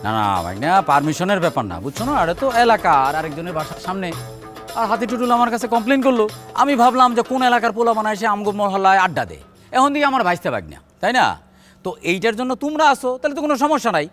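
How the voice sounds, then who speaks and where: Comedy sketch, a man as a high-voiced neighborhood boss, fast and hugely up-and-down in tone. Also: sing-song, a bit bright, faint music behind. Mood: placating. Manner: wheedling, placating, swings between coaxing and snapping. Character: smooth-talking male neighborhood boss, middle-aged.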